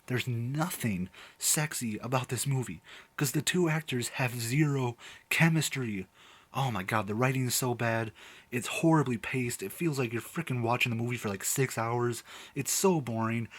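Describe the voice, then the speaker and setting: A young man with a husky, slightly rough voice delivers a casual movie rant straight to camera. He sounds exasperated and emphatic, circling back to repeat his points and laughing between them. His pitch sits in an ordinary middle range. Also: normal speed. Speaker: movie reviewer. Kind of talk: casual ranting review to camera.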